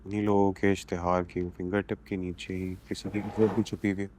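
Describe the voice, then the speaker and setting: A humble, responsible young man in a TV drama, played by a man, with a Pakistani accent. His voice is fairly low. He speaks with restraint but holds firm. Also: little pitch movement, a little fast, a little mellow, slight background noise, natural voice. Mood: restrained, firm.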